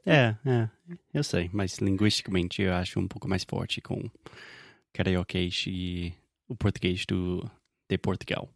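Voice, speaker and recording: A man's voice: sits low, steady tone, measured pace, vocal fry, dry recording, clean studio sound. A man chatting casually as an interviewer, repeating example words to illustrate sounds. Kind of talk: casual chat.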